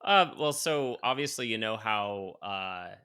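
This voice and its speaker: A man chatting casually on a podcast in a rather low, bright voice. He rambles through his points with plenty of "like" and "uh" and swears freely. His tone is forceful and a little tense. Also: expressive, unhurried, smooth. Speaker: podcast co-host. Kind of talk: casual chat.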